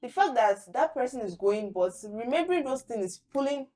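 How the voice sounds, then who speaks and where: A woman health practitioner chatting as a guest, telling lively stories and acting out her patients' lines. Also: fairly high pitch, a little fast. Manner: lively storyteller who acts out patients' lines. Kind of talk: casual chat.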